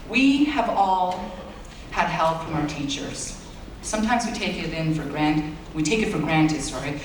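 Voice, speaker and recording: Delivering the valedictory address at graduation, this young man in his late teens, a native Bulgarian speaker, sounds earnest and pokes fun at himself with playful asides. His words ring through a big, reverberant school auditorium. An audience camera records him from far away, leaving a faint hum beneath the echo.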